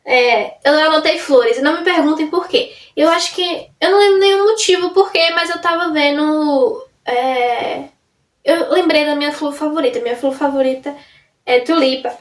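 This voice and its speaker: A young woman vlogging in a casual, rambling way, often breaking off and restarting her sentences. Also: high voice. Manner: rambling, self-interrupting, chatty. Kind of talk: casual chat to camera. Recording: roomy sound from a distance off the mic.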